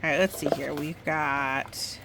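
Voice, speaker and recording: Against a noisy background, a woman with a low, creaky voice reads a children's story aloud. She delivers it expressively, interrupting herself with chatty asides about the pictures.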